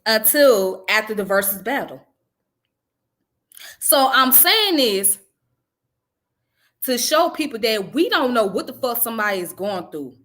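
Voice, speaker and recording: A woman's voice: fairly high pitch, very animated, measured pace, pauses often, fairly bright tone. A woman who grew up in the American South, giving blunt, profane, conversational commentary on her own channel. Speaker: channel host. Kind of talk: casual commentary vlog.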